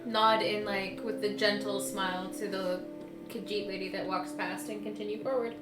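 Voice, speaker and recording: A woman's voice: medium pitch, level tone, moderate pace, recorded from a distance. A woman playing in a tabletop game, cheerfully describing what her character does. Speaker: player. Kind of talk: tabletop role-play chat. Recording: roomy sound with music behind.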